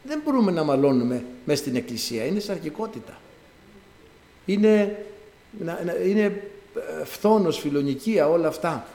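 A man's voice: on the high side, echoey room. A middle-aged man preaching a sermon in a church, telling stories with acted-out quotes. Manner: storytelling with acted-out quotes, lively.

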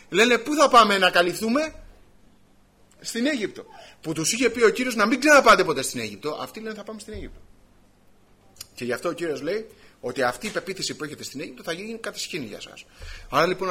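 A husky, bright-toned man delivers a sermon. His pitch is lively and he swings between loud emphatic lines and hushed asides. He sits slightly high for a man. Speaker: preacher.

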